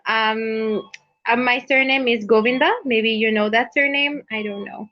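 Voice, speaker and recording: A woman with a South African accent, tutoring English in a chatty, unhurried conversation over a video call. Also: fairly high pitch, fairly even intonation. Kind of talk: casual conversation practice. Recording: muffled lo-fi call audio.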